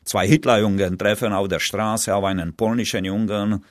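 A man's voice: lowish voice, steady tone, moderate pace, no room sound, clean studio sound, close to an everyday voice. A man reading an audiobook, voicing a young pub regular telling a joke in a jokey manner. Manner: jokey storytelling.

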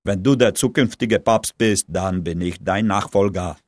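A man's voice: low voice, measured pace, dry recording, studio quality. A man reading an audiobook, voicing a young pub regular telling a joke in a jokey manner. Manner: jokey storytelling.

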